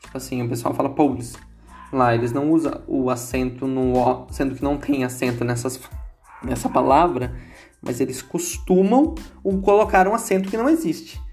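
With a mid-range, darkish voice at normal speed, a Brazilian man teaches a casual English lesson over soft background music. The chatty teacher repeats words aloud to model pronunciation and asks "entendeu?".

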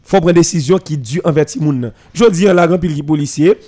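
A man, a teacher telling stories on a radio talk show in an animated way, often stammering and repeating words. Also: a little high, quick pace.

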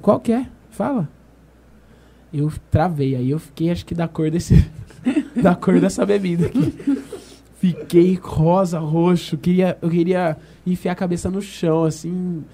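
In a casual conversation, a man shares a personal faith testimony, speaking earnestly and unhurriedly. His voice is a bit high yet soft and mellow, and he reenacts the dialogue of people in his story while frequently restarting sentences. A little hiss or hum sits in the recording.

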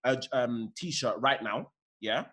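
A man's voice: mid-range voice, takes it slowly, a bit bright. A young man with an urban English roadman accent hosting casual podcast banter, slangy and emphatic, often repeating phrases. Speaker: podcast host.

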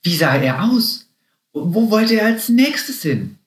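A man voicing an eager, excitable male mascot creature in a children's story. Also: mid-range voice, normal speed. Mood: curious. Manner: excited, breathless, eager questions. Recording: roomy echo.

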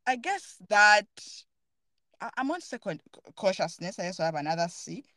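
A woman's voice: medium pitch, sing-song, moderate pace, pushed and bright, dry recording. A woman hosting a podcast, talking earnestly and thoughtfully in a casual, reflective chat while searching for her words. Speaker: podcast host.

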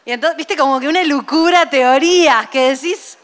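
A woman in her late thirties speaks with a Rioplatense Spanish accent in a high voice. She tells stories in a chatty, animated way as a podcast co-host. A long reverb hangs on her voice. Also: moderate pace. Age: late 30s. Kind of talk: casual chat.

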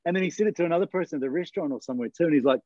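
Fast-talking man telling stories. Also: on the high side. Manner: animated storyteller acting out quotes. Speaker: podcast co-host. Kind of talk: casual chat. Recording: slightly dull, dry sound.

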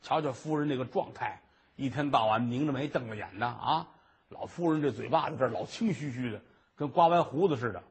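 A man telling a traditional story in an animated, chatty way. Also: mid-range voice, a little fast, slightly rough.

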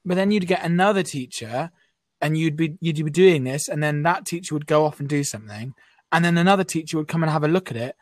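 A young man, an actor in a casual chat, speaking in a measured, thoughtful way. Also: on the high side, no room sound, studio quality.

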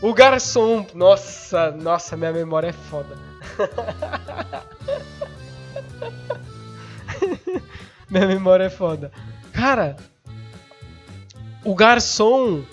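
A young man, hosting a podcast while stoned, rambling and excitable, swearing often and losing his thread. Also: sits high, unhurried, soft background music. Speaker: podcast host. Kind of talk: casual rambling storytelling.

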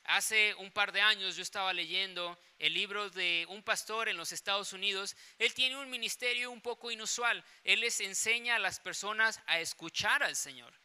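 Male pastor, high and very bright voice, emphatic storyteller. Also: moderate pace, few pauses, clear, resonant tone. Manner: storytelling, emphatic, repeats phrases. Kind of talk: sermon.

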